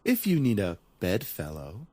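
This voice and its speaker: Brief: a man playing a laid-back young man, low and husky, soothing. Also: huge pitch swings, a little slow, mellow, heavily acted. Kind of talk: amateur voice acting.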